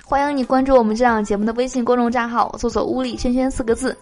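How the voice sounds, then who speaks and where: Lady host reading jokes, kinda high voice, lively, laughs between jokes. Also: fast talker, soft background music. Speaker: podcast host.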